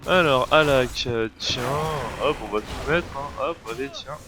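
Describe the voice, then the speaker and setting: With a head cold, a man commentates on his gameplay casually, unsure and halting, full of fillers and restarts as he wonders what's going on. His pitch is medium and his delivery unhurried. The recording is a noisy home setup, typical of a gameplay video creator.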